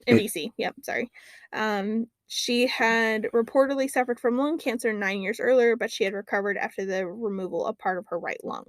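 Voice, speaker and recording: A woman's voice: fairly high pitch, no echo. Podcast lady reading off her notes, lots of ums, dry close mic. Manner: chatty, fills pauses with "um". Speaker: podcast co-host. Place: lives near an Alaskan lake.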